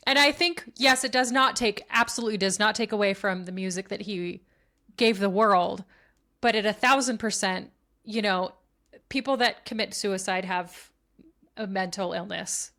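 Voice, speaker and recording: A woman's voice: medium pitch, bright, forceful tone. A woman co-hosting a casual podcast, reasoning her point through earnestly. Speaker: podcast co-host.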